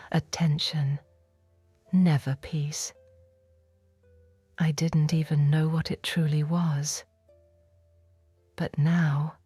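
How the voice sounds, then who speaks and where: A whispered role-play of a forgiven woman of biblical times, voiced by a woman, tender and awed. Her hushed voice sits low and mellow, unhurried and reverent, close and dry against a faint musical bed. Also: breathy edge, dry recording, exaggerated voice. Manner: hushed, reverent, intimate first-person storytelling. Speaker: audiobook narrator.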